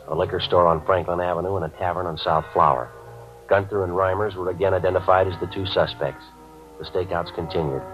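In a 1950s radio drama, an actor with a deep voice plays a terse police sergeant narrating his case, reporting times and facts in a clipped, deadpan style. The audio sounds like a muffled, lo-fi old AM radio broadcast.

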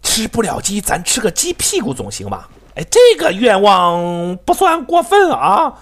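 A man giving excitable, profanity-laced live commentary on his own game, laughing and talking to his teammates. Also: sits high, moderate pace. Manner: excitable, swears often, laughs, talks to teammates. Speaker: game streamer.

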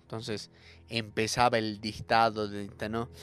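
A man's voice: lowish voice, level tone, measured pace, a bit bright, clear, resonant tone, faint music behind. Man telling comic stories. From Bolivia. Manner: casual storytelling, many fillers and tag questions. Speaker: radio host and comedian. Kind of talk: comic monologue.

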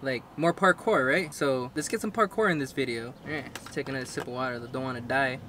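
A man's voice: mid-range voice, quick pace, background noise. A man casually reviewing a pair of shoes on his vlog, chatty and upbeat, laughing often as he talks. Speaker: collectibles reviewer. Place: at home, then outdoors.

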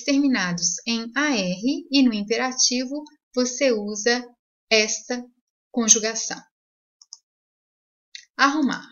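A woman teaching a language lesson, switching between two languages, saying each example clearly and repeating it twice. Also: a little high, fairly bright tone, dull audio. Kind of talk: slow bilingual language lesson.

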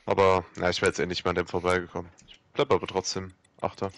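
A young man in casual gaming chat, haltingly repeating words as he thinks aloud. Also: low-pitched, monotone, gravelly. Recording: voice chat over loud car-game noise.

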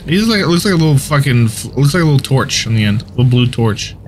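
A man tossing out quick quips and questions while gaming with friends. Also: medium pitch, expressive, a little hiss or hum. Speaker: gamer. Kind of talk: casual gaming banter over voice chat.

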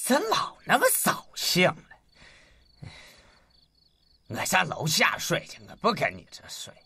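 A boastful drunken husband. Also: male voice, high voice, wildly swooping pitch, normal speed, vocal fry, sharp tone, breathy edge, no echo, full character voice. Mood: sulky. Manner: swaggering, laughing, slurred drunken bluster. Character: boastful drunken husband, middle-aged man. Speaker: drunken leather-shop owner planning a tannery.

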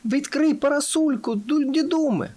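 A man voicing a clever young male fennec fox in a storybook, shouting in a high, frantic voice. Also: huge pitch swings, normal speed, exaggerated voice. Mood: alarmed.

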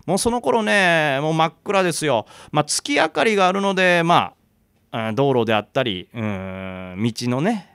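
A man telling a ghost story live in a bar, narrating dramatically and with suspense, building tension through pauses. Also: fairly high pitch, very animated, vocal fry, fairly bright tone, smooth, no echo.

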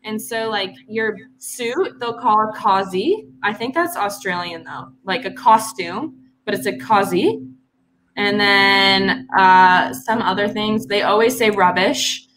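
A young woman from Canada chats casually as a guest, her talk full of fillers and small laughs. Her voice sits mid-range. Steady noise runs under the recording. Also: mid-range voice, takes it slowly, poor audio. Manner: chatty, filler-heavy, laughs easily. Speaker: guest swimmer. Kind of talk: casual chat.

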